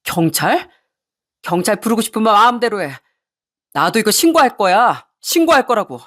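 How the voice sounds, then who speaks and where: A woman's voice: mid-range voice, sing-song, moderate pace, fairly bright tone. A woman voicing a self-pitying young husband who whines, blames his wife and begs, in a radio story. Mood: whiny, indignant. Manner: whining, blaming, later pleading.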